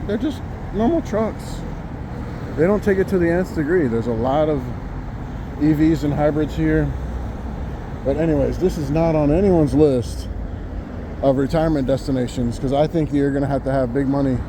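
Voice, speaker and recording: A man's voice: on the high side, normal speed, long pauses. An American man giving a casual, rambling walk-and-talk monologue as he muses informally outdoors on a city sidewalk. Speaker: vlogger. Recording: outdoor street with loud traffic noise. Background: passing cars and trucks.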